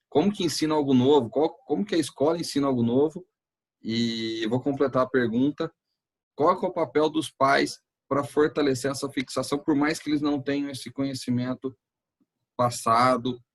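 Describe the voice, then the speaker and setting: Guy interviewing, mid-pitched, kinda hesitant, lots of restarts while he asks stuff. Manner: hesitant, restarts, thinks aloud with "acho que". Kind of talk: conversational interview.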